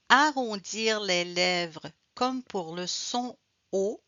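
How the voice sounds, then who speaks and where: Very slow, careful woman teaching French sounds. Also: medium pitch, pushed and bright, no room sound. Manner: slow, careful, repeats each sound and word twice; switches between French and English explanations. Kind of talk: slow bilingual pronunciation lesson. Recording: dull, slightly lo-fi dry recording.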